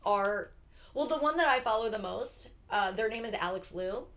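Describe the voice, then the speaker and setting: A young woman from Philadelphia, a guest on a podcast, talking casually in an animated, rambling way with many fillers. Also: medium pitch, normal speed. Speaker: podcast guest, actor and writer. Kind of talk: casual conversation.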